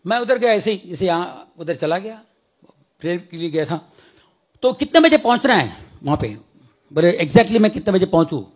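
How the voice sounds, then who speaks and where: With a very animated voice that sits high, a man delivers a testimony sermon in church at a moderate pace, the recording's highs cut off. He narrates with acted-out dialogue and English phrases woven in, at times erupting into shouting prayer.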